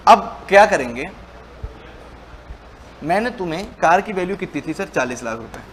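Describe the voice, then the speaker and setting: A man teaching a commerce class, speaking casually and mixing English terms into his speech. He acts out both sides of the lesson, switching his pitch to play the student's questions and then answering them himself. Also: a little hiss or hum. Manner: colloquial, mixes Hindi with English terms. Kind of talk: lecture with role-played dialogue.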